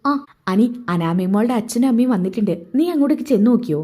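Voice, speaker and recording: A woman's voice: fairly high pitch, expressive, fast talker, warm tone. A woman voicing an anxious, bewildered middle-aged mother who frets and scolds. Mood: fussing. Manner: fretful, scolding, then tearful.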